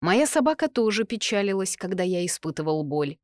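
Lofty, lecturing male spirit from an audiobook, pitched up as a female reader puts him on, dry sound. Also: animated, moderate pace, dry recording, natural voice. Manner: condescending, lecturing. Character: haughty ancient male spirit, mentoring tone.

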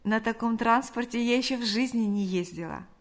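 A woman's voice: a little high, a little fast, close to an everyday voice. A woman reading an affectionate young woman. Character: caring, warm-hearted young woman. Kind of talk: audiobook reading.

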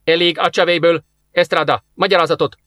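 Guy putting on a cranky russian officer dude, higher and louder, snapping orders. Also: dry recording. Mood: angry. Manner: barking, impatient, sarcastic. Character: gruff angry male Russian officer.

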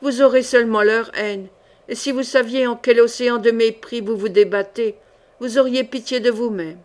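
A woman's voice: medium pitch, steady tone, takes it slowly, natural voice. Woman voicing a raving mad king. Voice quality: raspy, powerful voice. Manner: ranting, thunderous outbursts. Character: mad middle-aged king, raving and bitter.

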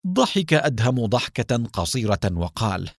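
A male narrator reading an adventure story aloud with dramatic expression. His pitch moves a great deal, and the recording is dry and close with no room sound. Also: very animated, normal speed, dry recording.

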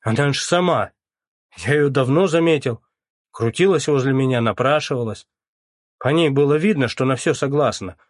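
A man's voice: mid-range voice, moderate pace, no room sound, clean studio sound, voice pushed up, natural voice. A man reading the part of a cocky young man who turns sullen and defensive. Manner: dismissive, defensive.

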